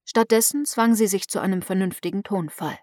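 A woman reading a novel aloud as an audiobook narrator, in a measured, even way. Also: mid-range voice, no room sound, clean studio sound. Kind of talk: scripted narration.

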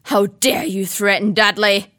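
A woman doing Uncle Vernon, a blustering, shouting uncle. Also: mid-range voice, very animated, normal speed, pitched above the performer's own voice. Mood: roaring. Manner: shouting, snarling. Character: blustering bullying middle-aged uncle.

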